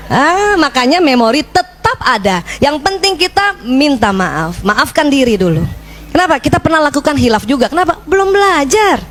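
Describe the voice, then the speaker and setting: High-voiced woman giving a parenting talk. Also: a little hiss or hum. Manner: lively, asks the audience questions. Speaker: parenting speaker.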